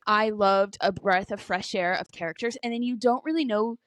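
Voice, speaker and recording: A young woman co-hosting a casual podcast chat, gushing and expressive, swearing freely. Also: medium pitch, normal speed, no room sound. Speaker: podcast co-host.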